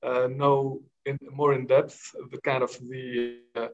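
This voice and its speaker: A man moderating a panel over a video call, who speaks slowly and searches for his words. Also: medium pitch, flat delivery. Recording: dull, lo-fi video call audio.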